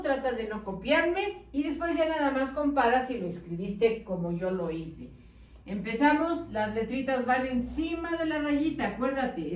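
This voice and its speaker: Slow sing-song woman teacher in a roomy space. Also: high-pitched. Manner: patient, sing-song, encouraging, syllable by syllable. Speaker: primary school teacher. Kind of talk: slow children's dictation lesson. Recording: roomy, slightly distant mic.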